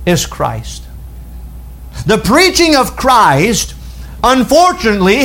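A pastor preaching a sermon, earnest, slowing down and dropping his voice to stress key words. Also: sits high, a bit bright.

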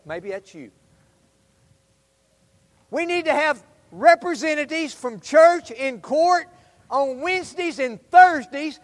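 A man preaches as a pastor in a very high-pitched voice, his fervent exhortations aimed directly at the audience. Loud, emphatic moments give way to hushed asides, all heard with hall reverb.

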